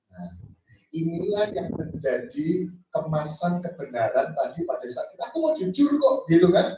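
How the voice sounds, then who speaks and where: A man preaching a sermon as pastor, animated, acting out quoted speech and mixing in English phrases. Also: high-pitched. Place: church. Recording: echoey church hall from far off, dull sound.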